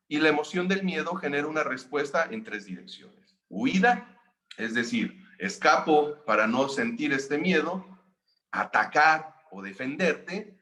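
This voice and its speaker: A man with a Mexican accent, a seminar facilitator, calmly narrating a story to explain a lesson. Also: mid-range voice. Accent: Mexican Spanish. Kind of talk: storytelling lecture.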